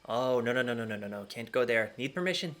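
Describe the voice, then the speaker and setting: A man's voice: medium pitch, animated, fast talker, a bit bright, natural voice. A man voicing a small, flighty female pixie-like skyport keeper in a tabletop game, impish, childlike, blunt and giggly. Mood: bossy, dismissive.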